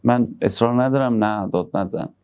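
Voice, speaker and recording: A man giving a conversational sermon on parenting, moving between soft, tender asides and emphatic points. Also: mid-range voice, clear, resonant tone. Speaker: religious speaker.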